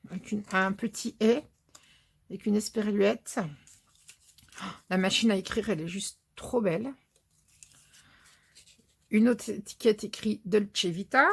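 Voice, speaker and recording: A woman's voice: mid-range voice, slow pace, vocal fry, pauses often, slightly rough. A woman from France chatting casually through a scrapbooking haul, narrating items with many fillers as she thinks aloud. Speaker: scrapbooking vlogger.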